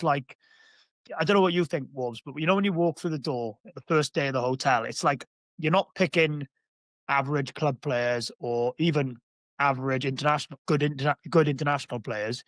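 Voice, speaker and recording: A man's voice: on the high side, a bit bright, dry recording. A man co-hosting a podcast, talking thoughtfully and hesitantly in casual chat. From Wales. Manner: thoughtful, hesitant, slows to explain. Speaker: co-host, former rugby player.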